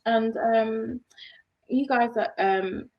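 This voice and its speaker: A woman's voice: fairly high pitch, fairly even intonation, drawn-out words. Woman, host, hesitant rambling questions, muffled lo-fi sound. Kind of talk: casual interview questions.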